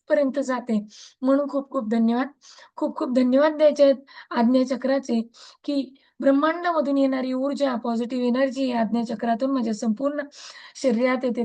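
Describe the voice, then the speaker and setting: A woman's voice: high voice, darkish tone. A woman with a Marathi accent leading a gratitude practice over a video call, earnest and repeating her thanks in chant-like runs. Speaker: gratitude practice group leader. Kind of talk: guided reading and affirmations. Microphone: laptop mic on a video call.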